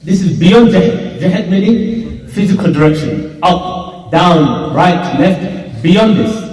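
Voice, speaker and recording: Echoing imam preaching in a mosque. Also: male voice, high voice, lively intonation, slow, a little mellow. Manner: emphatic, repeats phrases for stress. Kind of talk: Friday sermon. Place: mosque prayer hall. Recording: echoey hall from far off.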